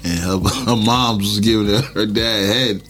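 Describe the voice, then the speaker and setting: A man's voice: fairly low pitch, steady tone, unhurried, a bit bright, soft background music. A man telling blunt, crude anecdotes in a casual podcast chat. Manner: blunt crude storytelling with laughter. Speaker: podcast co-host.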